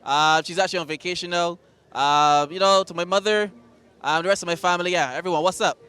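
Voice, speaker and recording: Relaxed, clear-voiced man. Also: high-pitched, quick pace. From Barbados. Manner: relaxed, joking, chatty. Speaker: concertgoer interviewed. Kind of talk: casual vox-pop chat. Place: outdoor concert in a garden.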